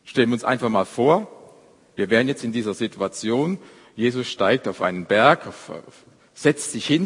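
A man preaching a sermon at a church service, stressing his words one by one and often dropping to a quiet close. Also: mid-range voice, breathy edge. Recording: long hall reverb.

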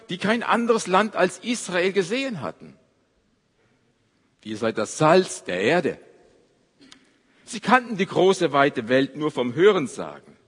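A man preaching a sermon at a church service, stressing his words one by one and often dropping to a quiet close. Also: on the high side, breathy edge. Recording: long hall reverb.

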